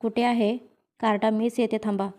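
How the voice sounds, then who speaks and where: A woman's voice: a little high, little pitch movement, moderate pace, a little mellow, close to an everyday voice. Woman reading as a stern village mother. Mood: scolding. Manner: scolding, commanding.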